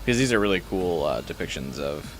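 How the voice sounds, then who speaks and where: Low, animated man streaming a game. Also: a little fast, over loud music. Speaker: gameplay streamer. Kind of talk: casual game commentary with dramatic read-aloud of text.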